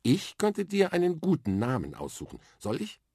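Man doing a bold, impatient little girl, raised voice, husky edge, quick and cheeky, radio storybook. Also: fairly high pitch, huge pitch swings, a little mellow, no room sound, studio quality, pitched above the performer's own voice, heavily acted. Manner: quick, cheeky, self-assured. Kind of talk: children's radio story reading.

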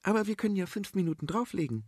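A man voicing a sharp-tongued, bossy young princess. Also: high-pitched, sing-song, quick pace, dry recording, studio quality, voice pushed up. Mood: dry. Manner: snappish, sarcastic.

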